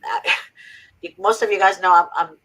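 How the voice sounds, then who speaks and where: A woman's voice: medium pitch, fairly even intonation, normal speed, a bit bright, rough recording. A woman from Egypt hosting a faith-based advice talk, earnest and preachy with emphatic repetition. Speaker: host.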